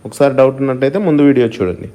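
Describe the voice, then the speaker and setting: A man teaching a recorded phonetics lesson, explaining sounds deliberately and repeating each example word several times. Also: medium pitch, warm tone. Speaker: English teacher.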